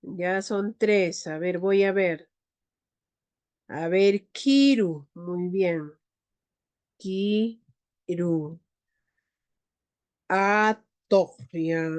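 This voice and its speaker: A woman teaching an online class, leading slow pronunciation drills and calling on students. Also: on the low side, a little mellow. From Peru. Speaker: Quechua teacher.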